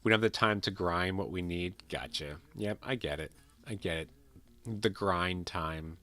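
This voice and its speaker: A man's voice: low-pitched, a little fast, bright, forceful tone. Sick, nasal-voiced man streaming. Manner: rambling, repeats words and restarts sentences. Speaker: livestreamer. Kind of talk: casual stream chat while gaming.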